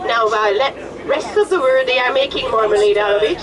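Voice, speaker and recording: A woman with a Hungarian accent, a tour guide giving chatty, joking commentary on a coach, her voice a little hoarse. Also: fairly high pitch, a little fast, over a noisy crowd. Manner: friendly, chatty, joking with the group. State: slightly hoarse. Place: tour bus. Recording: distant voice with vehicle noise.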